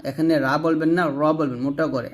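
A man teaching recitation, spelling out words letter by letter and drawing the syllables out, then explaining rules more briskly. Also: on the high side, fairly even intonation. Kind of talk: slow spelled-out recitation lesson.

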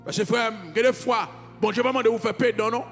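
A man's voice: extremely high pitch, steady tone, fast, fairly bright tone. A man with a Haitian accent, a pastor preaching a fervent, sing-song sermon. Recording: reverberant hall with music behind.

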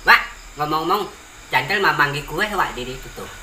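A man voicing a cheeky young village lad in a puppet comedy, teasing and bantering back quickly. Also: a little high, lively intonation, sharp tone, slight background noise. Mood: joking. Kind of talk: Sundanese puppet-show comedy. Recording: echoey room, faint ambience.

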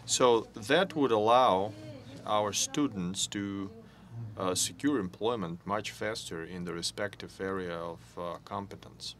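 A man giving a conference presentation, speaking slowly and haltingly with many pauses. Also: lowish voice, fairly bright tone, a little hiss or hum.

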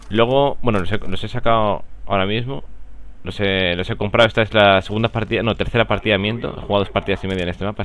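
A young man with a Spanish accent from Spain, rambling and joking through live gameplay commentary, with sudden excited outbursts. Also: fairly low pitch, a little hiss or hum. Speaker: gaming commentator.

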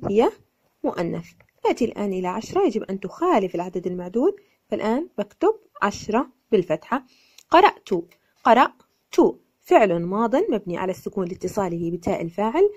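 A woman's voice: a little high, darkish tone, breathy edge. A woman teaching a grammar lesson step by step, mixing formal speech with everyday dialect. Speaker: Arabic teacher.

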